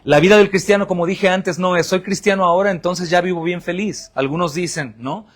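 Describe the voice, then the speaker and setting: A man's voice: high voice, fairly even intonation, fairly quick. A male pastor with a Mexican Spanish accent preaching a sermon, asking rhetorical questions and answering them, often calling the congregation brothers.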